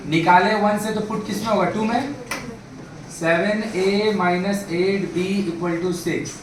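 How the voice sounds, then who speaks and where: A man with a high voice and fairly even intonation tutors math in a classroom, unhurried, blending Hindi and English. He draws his students out with questions and calls them babu and bhai, recorded from a distance in an echoey room with faint background noise.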